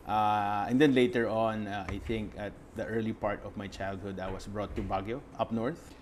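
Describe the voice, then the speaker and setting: A young man, answering interview questions as a guest photographer and pausing often to find his words. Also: lowish voice, steady tone, a little mellow, a little hiss or hum. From Philippines. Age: young adult. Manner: reflective, searching for words with many fillers.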